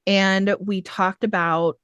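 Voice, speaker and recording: A woman's voice: mid-range voice, slow pace, clean tone, no echo, studio quality. A woman hosting a podcast, chatting in a casual interview with frequent laughs. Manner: animated, laughing often. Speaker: podcast host.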